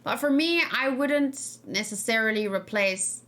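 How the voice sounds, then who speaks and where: On her reaction and discussion livestream, a woman chats casually with viewers, sounding emphatic and questioning as she repeats key words for emphasis. Her voice is on the high side, bright and forceful, and she speaks a little slowly.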